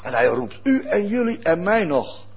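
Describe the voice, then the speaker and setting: A man preaching a sermon, his husky, somewhat high voice talking to the congregation as if chatting with them. He swings between sudden loud rises and soft, quiet drops. The recording is dull and lo-fi. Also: animated, normal speed. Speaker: pastor.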